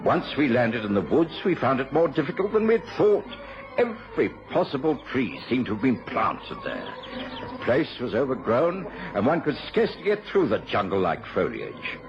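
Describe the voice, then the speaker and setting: Radio drama narrator: formal, earnest doctor companion, animated delivery, muffled recording. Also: male voice, mid-range voice. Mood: measured, grave. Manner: measured, formal storytelling. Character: Doctor Watson, earnest English gentleman narrator and loyal companion. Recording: dull lo-fi radio recording, loud music.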